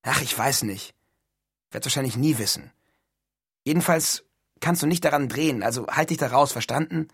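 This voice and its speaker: A man reading an audiobook and voicing a shy, hesitant teenage boy in a subdued, husky voice. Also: mid-range voice, normal speed, pauses often, fairly bright tone, no echo, clean studio sound. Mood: defensive.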